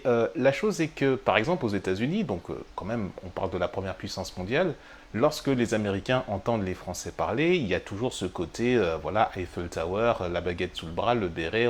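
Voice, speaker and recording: A French-speaking man hosting a live English-learning stream, talking directly to the viewer in a chatty way with many fillers. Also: on the low side. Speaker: English teacher and host. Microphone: webcam or phone of a live stream.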